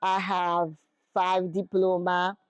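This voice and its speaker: Slow, hesitant Haitian woman. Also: fairly low pitch, completely flat delivery, clear, resonant tone, no room sound, muffled recording. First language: Haitian Creole and French. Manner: hesitant, searching for English words. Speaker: interviewee. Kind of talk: casual interview.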